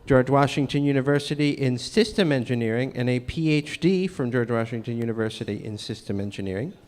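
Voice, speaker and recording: A man hosting a public science talk, introducing the next speaker and reading the bio. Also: mid-range voice. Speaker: event host.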